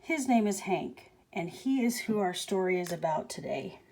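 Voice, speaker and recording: A woman storyteller reading a picture book aloud for children over home video, gently, with whispered asides. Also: medium pitch, animated, moderate pace. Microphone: webcam or phone video.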